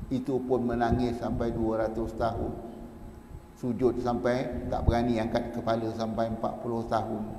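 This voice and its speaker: A man's voice: mid-range voice, monotone, moderate pace, mellow. A man with a Malaysian Malay accent giving a dawn lecture in a mosque, pleading and fervent when leading prayers. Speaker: preacher. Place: large mosque hall. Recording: echoey mosque hall recording with background noise.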